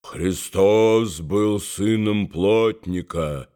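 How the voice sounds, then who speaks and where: Man narrating as an old monk, scornful, slow and measured, a bit lower than the narration. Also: smooth. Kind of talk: audiobook reading.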